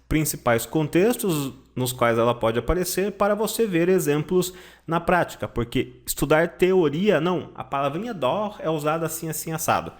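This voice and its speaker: A man's voice: on the high side, animated, normal speed. A man teaching a German lesson online, explaining patiently and checking in with "tá?" and "né?".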